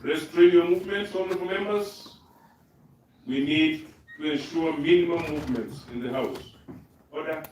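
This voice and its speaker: A man's voice: a little high, normal speed, long pauses. A Kenyan man presiding over an assembly as its speaker, sternly calling for order in a raised, commanding voice with formal procedural phrasing. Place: legislative assembly chamber. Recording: very echoey chamber, distant mic, faint noise.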